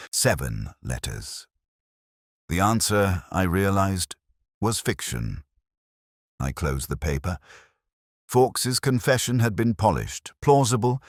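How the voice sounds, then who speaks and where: A man performs a melancholy police inspector in an audio detective drama, with an extremely deep voice. He narrates in measured, formal, brooding sentences, his pitch rising and falling expressively in a dry, close recording. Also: no room sound, exaggerated voice. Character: melancholy, cerebral English police inspector recounting a murder case. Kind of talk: literary first-person detective narration.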